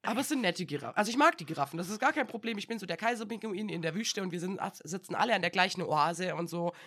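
A woman's voice: lowish voice, lively intonation, fast, a bit bright, breathy edge. A young woman chats casually on a podcast, spinning stories and slipping into the voices of the people she quotes. She laughs often as she talks. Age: young adult. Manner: chatty storytelling, acting out quoted dialogue, laughs often. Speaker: podcast co-host. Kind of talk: casual chat.

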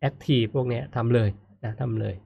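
A man's voice: mid-range voice, fairly even intonation, moderate pace, gravelly, breathy edge, no echo, phone-quality sound. A man hosting a casual live-stream chat, reading viewer comments aloud and murmuring "mm" as he listens. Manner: frequent murmured "mm" backchannels, reads comments aloud. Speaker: host.

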